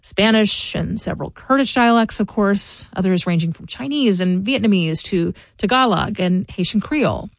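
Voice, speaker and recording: Reading scripted commentary for her local news podcast, this middle-aged host sounds measured and informative. Her mid-range voice is expressive with a gravelly edge, captured in a close, dry recording with no room sound.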